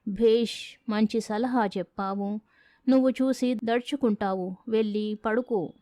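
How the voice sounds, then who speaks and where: A woman voicing a sneaky young man, the landlord's son, who talks in a hushed, urgent way in a storybook reading. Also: on the high side, steady tone, a little slow, no room sound, clean studio sound, close to an everyday voice.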